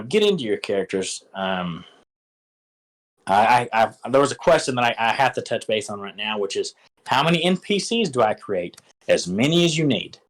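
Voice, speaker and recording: A man's voice: medium pitch, poor audio. A man casually explaining how to run a tabletop game, rambling with lots of fillers and restarts. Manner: rambling, filler-heavy, enthusiastic. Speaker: game master giving advice. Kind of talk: casual instructional talk.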